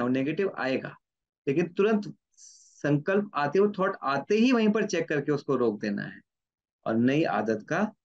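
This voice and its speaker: A man's voice: medium pitch, highs cut off. A neurologist giving an explanatory talk, asking himself questions and answering them, repeating his key points. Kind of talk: explanatory lecture.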